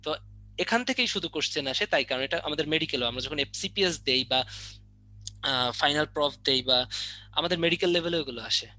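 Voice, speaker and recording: A young man runs an online biology lesson for exam prep. His voice is bright and sits a little high, and he keeps quizzing the class and playfully threatening to beat anyone who answers wrong. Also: fast, long pauses. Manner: teasing mock threats, drilling questions. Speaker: biology tutor.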